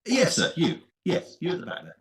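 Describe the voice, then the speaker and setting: An actress playing a polite female interviewer in a scripted course-audio recording, speaking with clear enunciation. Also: low voice, huge pitch swings, brisk, exaggerated voice. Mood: friendly. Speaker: interviewer in a textbook listening recording. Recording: course audio replayed with audible noise.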